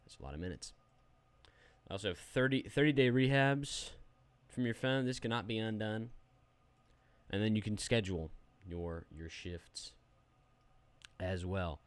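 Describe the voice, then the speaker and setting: Sharing his screen, a young man reviews a phone app in a loose, unedited ramble full of self-deprecation. He speaks on the low side.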